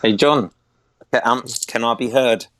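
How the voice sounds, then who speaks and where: A man's voice: medium pitch, a little slow, fairly bright tone. A man from London, chatting casually on an audio panel in an earnest, effusive way. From London, England. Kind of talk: casual chat.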